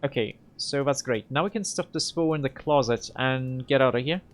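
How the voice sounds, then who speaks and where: A man's voice: mid-range voice, normal speed. A man playing through a story game, reading the text aloud and adding casual remarks. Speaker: let's player.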